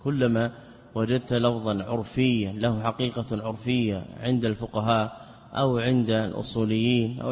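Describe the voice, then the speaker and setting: A man, a religious scholar, gives a classroom lecture on legal theory. He explains in a measured way, poses rhetorical questions, and slowly repeats key phrases. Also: mid-range voice, darkish tone. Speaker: Islamic scholar teaching a text. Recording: reverberant hall, dull lo-fi sound, faint hiss.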